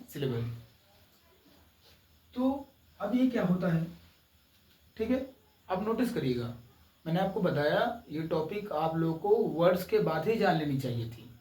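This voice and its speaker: A man, teaching a slow YouTube grammar lesson and often checking in with his students. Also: high voice, expressive, darkish tone, roomy sound, far from the mic, poor audio. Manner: slow, drawn-out explaining with frequent "ठीक है" checks. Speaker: English teacher.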